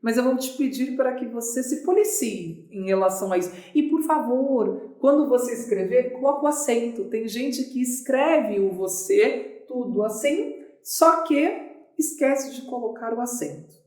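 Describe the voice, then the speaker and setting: A woman's voice: on the high side, animated, moderate pace, mellow. A Brazilian woman teaching an online grammar lesson, chatty, asking and answering her own questions. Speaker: Portuguese teacher. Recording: echoey room.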